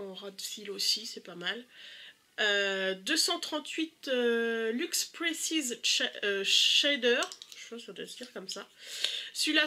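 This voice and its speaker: A woman's voice: on the high side, pushed and bright. A young woman with a stuffy nose, chatting casually and eagerly through a makeup haul with many hesitations. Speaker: beauty vlogger.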